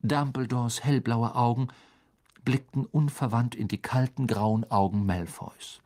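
A man narrating an audiobook in an expressive storytelling manner. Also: mid-range voice, measured pace. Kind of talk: scripted narration.

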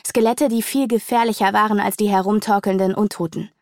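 Woman reading a fantasy audiobook, vivid dramatic delivery, dry close sound, mid pitch. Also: steady tone, a little fast, no echo. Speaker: audiobook narrator. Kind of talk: scripted fantasy narration.

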